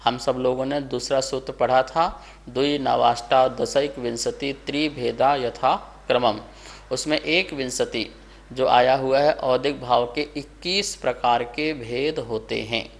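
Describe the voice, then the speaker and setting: A man teaching a scripture lesson, reciting a verse word by word for students to repeat, then explaining it slowly. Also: mid-range voice, fairly even intonation. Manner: measured, syllable by syllable chanting of verses. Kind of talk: slow recitation lesson with call and response.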